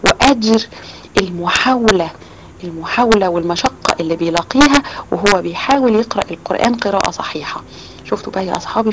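An Egyptian woman who teaches children tells a story as a lesson, speaking briskly at a medium pitch with an Egyptian Arabic accent. She explains using many rhetorical questions. The recording carries loud background noise and clicks.

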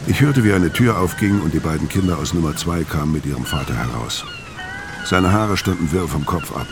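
In a radio crime drama, an actor gives first-person narration as a laconic, brooding, world-weary middle-aged tough guy. His low voice is expressive and a little fast, with background noise in the recording.

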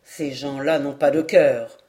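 A woman reading an audiobook, voicing a grim, bitter Scottish lord in a lowered, heavy, curt voice. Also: steady tone, unhurried, mellow.

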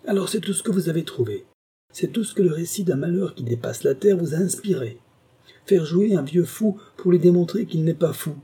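In an audiobook reading, a man voices a tormented old gambler convinced he sold his soul, with a medium-pitched, slightly rough voice at normal speed and a light touch of acting. Raging and feverish, the older character swings from grave confession to impassioned shouting.

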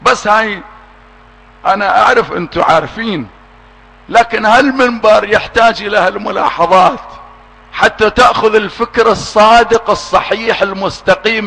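Guy preaching, really high voice, swings quiet to shouting. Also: husky, poor audio. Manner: impassioned, swinging between hushed and shouted. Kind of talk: sermon.

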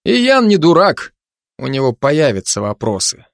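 A man's voice: a little high, huge pitch swings, moderate pace, gravelly, no room sound, pitched above the performer's own voice, full character voice. A man voicing a wry, grumbling male constable who bickers sarcastically with a cat in an audiobook. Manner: dry, sardonic, chatty banter with a cat.

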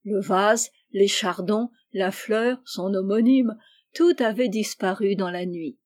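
Mellow-toned woman narrator, gentle and measured, storybook reading. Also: medium pitch. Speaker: audiobook reader.

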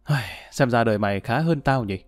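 A man voicing a gruff, sardonic middle-aged man, offhand and rough. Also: medium pitch, expressive, a little fast, no echo, soft background music, pitched below the performer's own voice, natural voice.

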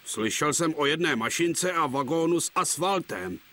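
A man's voice: fairly high pitch, expressive, sharp tone, pitched above the performer's own voice. A man voicing a cheeky, teasing male engine twin in a dubbed cartoon, in a mocking manner. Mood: scornful.

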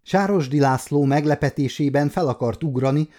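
A man in his fifties reading a historical novel aloud in calm, measured narration. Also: fairly high pitch. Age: 50s. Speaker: audiobook narrator. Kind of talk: scripted narration.

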